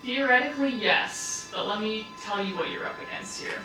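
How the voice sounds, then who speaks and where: A woman's voice: on the high side, normal speed. A woman running a tabletop game as game master, narrating in a hesitant way with lots of fillers. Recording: echoey room, far from mic, music behind.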